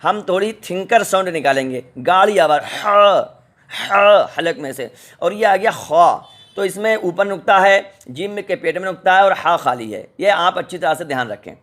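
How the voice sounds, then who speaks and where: A middle-aged man teaching the Quran's alphabet in a recorded lesson, patient and repetitive, sounding letters out slowly. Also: high voice, animated, a bit bright.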